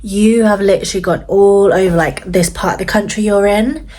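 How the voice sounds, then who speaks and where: A woman's voice: medium pitch, fairly even intonation, moderate pace, a little mellow. A woman, chatting casually and reflectively as she replies to her younger self in a vlog. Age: 30s. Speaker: vlogger.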